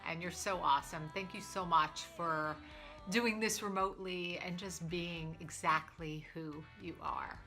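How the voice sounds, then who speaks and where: A woman hosts a casual interview podcast in an upbeat, gushing manner. Her voice is bright and edgy but sits fairly low. Faint music plays behind her. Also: steady tone, a little slow. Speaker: podcast host.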